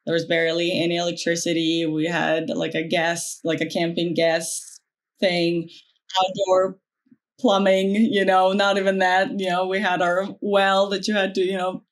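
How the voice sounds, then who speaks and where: A woman from Ukraine, chatting as a guest in an interview, animated and full of fillers. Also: lowish voice, moderate pace. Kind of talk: casual interview talk.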